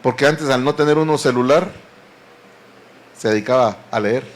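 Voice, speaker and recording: A man's voice: mid-range voice, moderate pace. A man preaching a sermon, earnestly and often addressing the congregation as beloved brethren.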